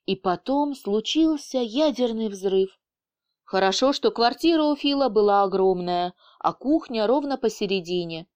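A woman reading an audiobook in the first person, with a lively, sardonic storytelling manner. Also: mid-range voice, moderate pace, clear, resonant tone. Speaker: audiobook narrator.

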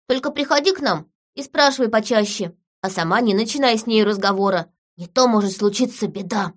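A woman's voice: medium pitch, fairly quick, close to an everyday voice. A woman voicing a small, brave talking cherry tree with an eager, earnest manner.

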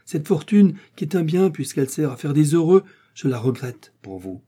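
Brief: man doing an impassioned young exile from a storybook, raised pitch, dark husky voice. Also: sing-song, normal speed. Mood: passionate. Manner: impassioned, pleading declamation. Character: young exiled nobleman, passionate lover.

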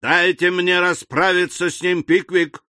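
A stout old country squire who is quick to temper barks orders in a booming voice. A male narrator puts him on in a classic novel reading. The voice sits a bit high and dry. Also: animated, pushed and bright, dry recording. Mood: furious. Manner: booming, commanding.

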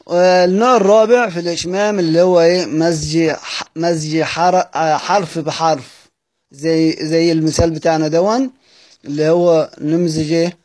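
A man's voice: a little high, fairly even intonation, moderate pace, a little mellow. A man with an Egyptian accent teaching a recorded lesson, explaining step by step and putting questions to his students before he answers them. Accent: Egyptian Arabic. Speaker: Quran recitation teacher. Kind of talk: recorded study-circle lesson.

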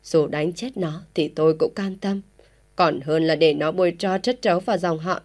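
A woman's voice: fairly low pitch, moderate pace, darkish tone, natural voice. A woman reading an audio story voices a furious, stern old village father who scolds his son harshly. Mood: furious scolding.

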